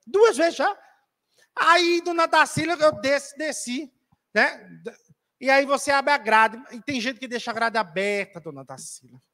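A man's voice: very high voice, animated, measured pace, bright, forceful tone. A man giving a spiritist lecture in an auditorium, telling a story in a chatty, teasing way and calling out audience members by name.

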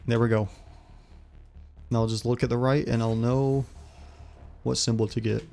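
A man's voice: mid-range voice, level tone, moderate pace, creaky, a little mellow, soft background music. A man streaming a video game, thinking aloud and muttering to himself as he plays. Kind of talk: casual gameplay commentary.

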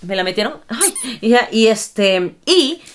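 A woman's voice: fairly high pitch, sing-song, measured pace. Chatty young woman sharing a story. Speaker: vlog co-host. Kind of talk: storytime chat.

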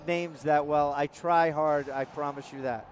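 A man with a New York accent calls the action as a sports commentator. His voice sits fairly high, and he talks in an easygoing, chatty way while breaking down each play. A clear layer of noise runs under the recording. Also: fairly even intonation, measured pace. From New York area. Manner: chatty, laughing easily, explaining plays.

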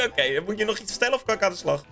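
Excitable gaming host, bright high voice, chatty with his viewers, faint music underneath. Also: rapid-fire. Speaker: gaming YouTuber. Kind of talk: Minecraft let's-play commentary.

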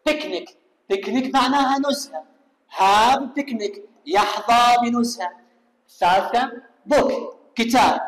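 A man with an Iraqi Arabic accent, an English teacher explaining a lesson step by step and firing quick questions at his students. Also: very high voice. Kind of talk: classroom explanation. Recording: echoey room with long reverb.

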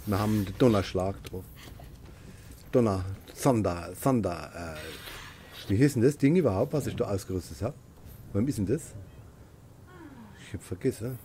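A man playing a co-op video game, chatting casually with his partner and shouting excitedly at the monster. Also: fairly low pitch, normal speed, pauses often, a little hiss or hum. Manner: talks to himself and partner, excitable outbursts, cursing at the monster. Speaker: gamer playing co-op. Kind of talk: casual gaming commentary.

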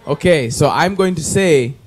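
A man's voice: on the high side, lively intonation, moderate pace. A man in his thirties from Kenya, introducing himself playfully into a handheld mic in a conference room. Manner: playful, chatty. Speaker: conference participant. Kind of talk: self-introduction to an audience.

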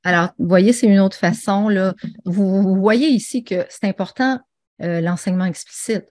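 A woman's voice: medium pitch, normal speed, darkish tone. A woman presenting an online teaching webinar, chatty and full of fillers and restarts. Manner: conversational, with many fillers and restarts.

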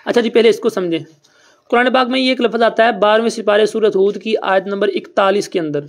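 In a classroom lesson built on call-and-response, a recitation teacher patiently walks through the rules one step at a time in a plain, chatty way, quizzing students and having them repeat. The voice is mid-pitched with fairly even intonation.

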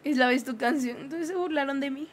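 A young woman, a streamer chatting casually with her viewers and telling a story in an animated, self-mocking way. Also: high voice, fairly quick, slight background noise.

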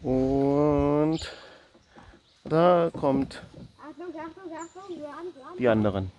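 A man's voice: medium pitch, expressive, very slow, a little mellow, muffled recording. Man chatting offhand from a canoe. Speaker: family travel vlogger. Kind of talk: casual chat. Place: outdoors in a jungle, then a canoe in a cave.

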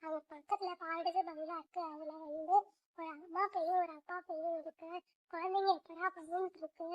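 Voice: very high voice, little pitch movement, normal speed, dry recording, dull audio. A girl voicing a bold young girl who tells the others about the haunted house and urges them to run. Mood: secretive. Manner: urgent, bossy when giving orders.

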